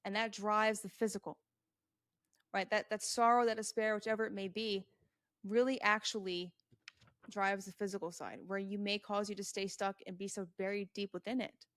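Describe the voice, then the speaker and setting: A woman's voice: mid-range voice, flat delivery, normal speed, fairly bright tone, no echo, studio quality. A woman hosting a solo motivational podcast. She talks earnestly and emphatically, repeats key points and speaks straight to the listener. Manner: addresses the listener directly and answers imagined questions. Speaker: podcast host.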